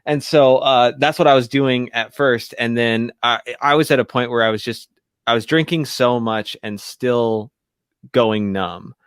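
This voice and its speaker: A man who is a radio show guest, telling a personal story in a halting, candid way with many restarts. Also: mid-range voice, steady tone, a bit bright, clean tone, dry recording, studio quality.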